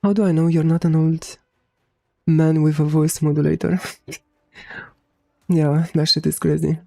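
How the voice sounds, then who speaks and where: An androgynous-sounding game streamer with a Romanian accent chats with viewers in an unhurried, gravelly mid-range voice. Relaxed, swearing casually and using many fillers, they're recorded with no room sound.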